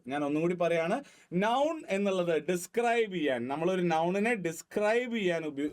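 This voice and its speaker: A man with a Malayali accent explains grammar to his students. His voice sits a little high, and he stresses key points with a lively rise. He keeps asking his listeners questions and mixes English terms into his talk. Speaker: teacher. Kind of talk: online grammar lesson.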